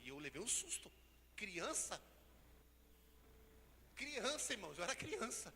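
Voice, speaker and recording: A man preaches with a high, bright voice that swings from easy storytelling into loud, half-sung declarations. His words ring in a church hall with long reverb and a faint hum of noise beneath. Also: sing-song, unhurried. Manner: storytelling, then rising to loud preaching with sung phrases and tongues. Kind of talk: sermon with personal story.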